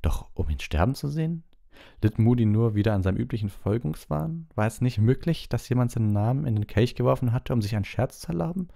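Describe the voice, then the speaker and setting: A man reading a storybook aloud as an audiobook, in a calm, measured storytelling manner with small slips. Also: mid-range voice, creaky. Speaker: audiobook reader.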